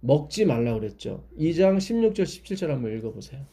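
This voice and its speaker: Man, Bible study teacher, patient explaining, questions to the group, fairly high, very mellow. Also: big pitch swings, quick pace, slight background noise.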